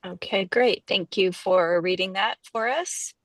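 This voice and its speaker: A woman chairing a formal meeting in a halting, informal, apologetic way while riding in a truck cab. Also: mid-range voice, noisy background. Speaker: commission chair running the meeting.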